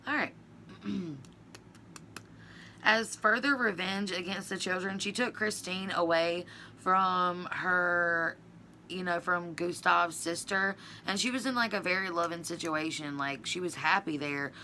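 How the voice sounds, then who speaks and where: Slow, bright-voiced woman telling a story. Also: on the low side, slight background noise. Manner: chatty, filler-heavy, blunt with casual swearing. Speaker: video creator. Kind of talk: casual true-crime storytelling.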